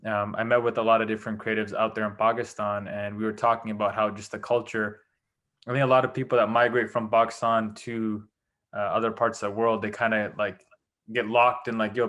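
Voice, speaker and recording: A man's voice: medium pitch, a bit bright. A man, a guest film producer, talking loosely on a video call, rambling with many fillers and restarts. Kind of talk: casual video-call chat.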